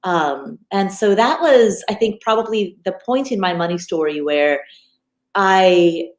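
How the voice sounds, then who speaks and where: With a mid-range voice and a slightly slow delivery, a Nepal-born, US-raised woman in her thirties who hosts a finance podcast appears as a lively interview guest. She often restarts her sentences and uses fillers, and the room has noticeable echo.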